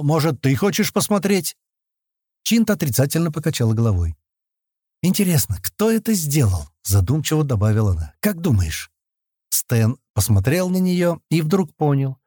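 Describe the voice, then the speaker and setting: A male narrator reads a science-fiction audiobook in a steady storytelling manner. His voice is dark and mellow, with wide, animated swings in pitch. The recording is dry and close, with no room sound. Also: no echo.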